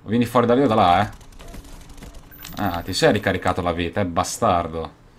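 A young man giving gameplay commentary as a gaming YouTuber, excitable and swearing, now and then bursting into shouts. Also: sits low, fairly quick, slight background noise.

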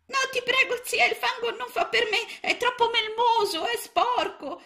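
A woman voicing a small, timid young boy frog who is fussy about staying clean, in a high, childlike, plaintive voice. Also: a little slow, sharp tone, exaggerated voice. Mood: timid pleading.

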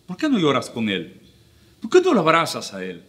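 A middle-aged man, preaching an earnest, measured sermon with pauses as pastor. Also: a little high, wildly swooping pitch, fairly bright tone. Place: church livestream.

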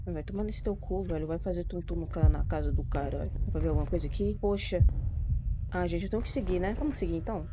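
A woman's voice: on the low side, fast talker, noisy background. A young woman with a Brazilian accent and a stuffy nose from a cold, casually commenting on a horror game she is playing live, jumpy, swearing a lot and talking to her chat. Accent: Brazilian Portuguese.

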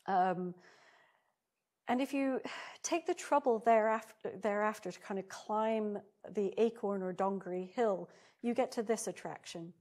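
A woman's voice: mid-range voice, a little mellow. Woman lecturer reading a seminar talk. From United Kingdom. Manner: reads a prepared script with small slips and apologetic asides.

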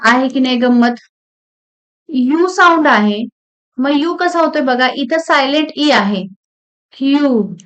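A woman teaching English pronunciation, saying words one at a time in slow, deliberate drills with short explanations. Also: high voice, lively intonation, fairly bright tone. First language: Marathi. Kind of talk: pronunciation lesson reading word lists.

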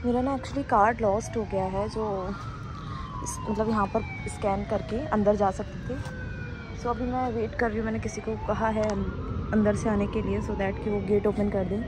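A woman's voice: mid-range voice, level tone, normal speed. A young woman from India, a truck driver, chatting casually to her phone camera as she works, mixing English words into her talk. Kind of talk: casual vlog narration. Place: outdoors at a truck yard, then in a truck cab. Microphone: phone camera, held or mounted. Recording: loud outdoor and vehicle noise. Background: loud traffic and engine noise.

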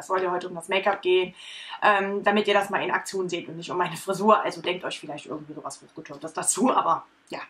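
A woman's voice: medium pitch, fairly bright tone. A young woman chatting casually through a makeup tutorial, rambling with lots of fillers, filmed by a camera at desk distance at home. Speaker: beauty vlogger. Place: bedroom or home studio, indoors.

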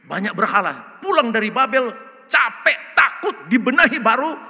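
Loud, bright-voiced older pastor. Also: male voice, extremely high pitch, big pitch swings, normal speed. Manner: loud, joking, asks the congregation questions. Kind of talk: sermon. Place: church sanctuary. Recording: long church hall reverb.

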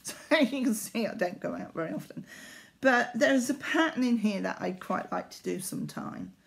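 A woman's voice: medium pitch, lively intonation, moderate pace, creaky. A middle-aged woman, chatting casually to camera in a hesitant, rambling way, recorded at arm's length in a living room. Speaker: needlework vlogger. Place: small living room indoors.

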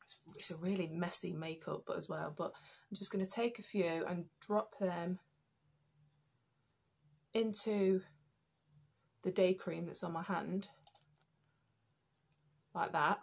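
A woman's voice: lowish voice, steady tone, slow pace, creaky, pauses often, slightly rough. A young British woman with a slightly stuffy nose chats casually through her skincare routine at home, with plenty of ums and restarts. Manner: chatty, many ums and restarts. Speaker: beauty vlogger.

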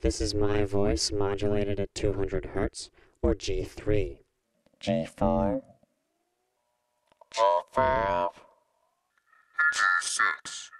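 A man's voice with a metallic ring-modulator voice changer effect. He sits fairly low in pitch and speaks plainly, like someone demonstrating a tool. The sound is dry and close, with no room around it. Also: fairly even intonation, very slow, pauses often, fairly bright tone, no room sound, low-quality recording. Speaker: audio software tutor. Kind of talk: tutorial demonstration.

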